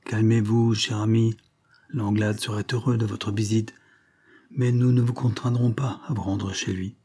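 A man reading a calm, dry police agent. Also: fairly low pitch, a little slow, breathy edge. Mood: measured.

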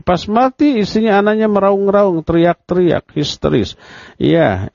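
A man's voice: medium pitch, vocal fry, a little mellow, no echo. A man preacher giving a religious study lecture. He poses rhetorical questions, answers them himself, and acts out what people would say. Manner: acts out quoted speech of the dead and the family. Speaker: Islamic preacher. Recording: dull, dry lo-fi lecture recording.

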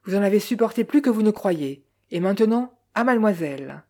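Shaken male aviator, hurried and breathless but courteous, read by a woman. Mellow tone, storybook. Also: medium pitch, animated. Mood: urgent, shaken.

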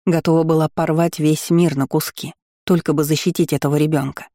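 A man reads an audiobook aloud with expressive delivery. His voice is slightly high but dark and mellow. The sound is close and dry, with no room. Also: fairly quick, no room sound. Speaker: audiobook reader. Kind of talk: scripted narration.

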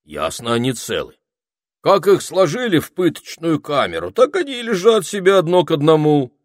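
Man doing a whiny high toad spy. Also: sing-song, moderate pace, no room sound, clean studio sound. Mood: boastful. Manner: whiny, wheedling, cocky.

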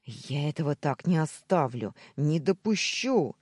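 A man voicing a desperate, angry young man who pleads, shouts and snarls in a dramatic audiobook. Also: on the high side, slow pace, no room sound, studio quality.

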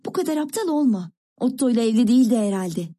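A woman voicing a thoughtful teenage older sister who confides a secret in a musing, hushed way. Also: on the high side, expressive, quick pace, breathy edge. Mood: scolding.

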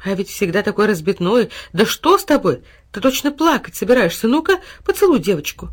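A woman reading a fairy tale aloud, voicing a chatty, sly old neighbor woman who gushes in a brisk, talkative way. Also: mid-range voice, sing-song. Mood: gushing.

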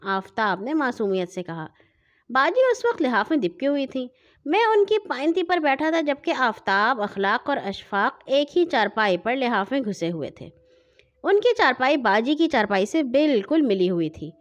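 Expressive woman reading a children's story. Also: high voice, dull audio. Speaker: narrator. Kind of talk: children's audio story narration.

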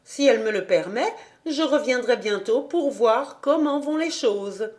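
A woman's voice: fairly high pitch, expressive, measured pace, darkish tone, pitched above the performer's own voice. A woman voicing an eager young country woman who chatters deferentially to her superior in a storybook reading.

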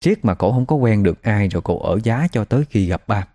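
A man's voice: on the low side, expressive, fairly quick, mellow. A man telling a first-hand story in a casual, conversational way.

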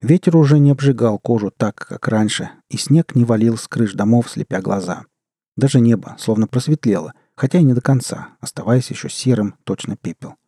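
A man narrating an audiobook in a measured, low-key manner. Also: warm tone, breathy edge, dry recording, studio quality. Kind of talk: scripted narration.

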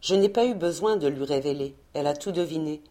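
A woman voicing a brave, gentle young peasant woman who speaks earnestly and pleadingly. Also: deep voice, fairly quick, close to an everyday voice.

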